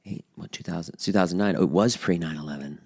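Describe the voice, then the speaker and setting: A man's voice: low-pitched, fast, a little mellow, breathy edge. A man co-hosting a podcast, exasperated and swearing freely as he argues and teases. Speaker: podcast co-host. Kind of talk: casual podcast banter.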